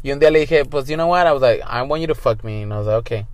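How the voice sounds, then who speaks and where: A campy young man with a medium-pitched voice tells a crude story as a guest storyteller, talking fast. He mixes English and Spanish with crude slang in this casual telling, recorded with no echo.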